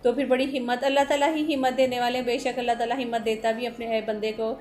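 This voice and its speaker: A woman, chatting quickly through a voice-over for her home vlog, rambling from one thing to the next. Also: a little high, level tone, a little mellow, soft background music. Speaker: vlogger and mother.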